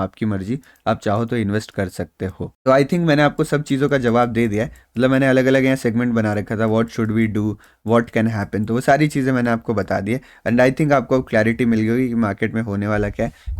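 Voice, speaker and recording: A man explains market moves in a relaxed, conversational way, reassuring his viewers and dropping English phrases in as he goes. His voice sits at an ordinary middle pitch. The recording is close and dry, with no room sound. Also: no room sound. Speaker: stock market trader and YouTube host. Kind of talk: casual explanatory market analysis.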